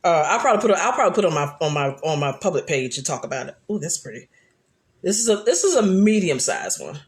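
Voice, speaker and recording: Loud, laughing woman chatting live. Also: lowish voice, fast. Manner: chatty and animated, frequent restarts. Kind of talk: casual live chat.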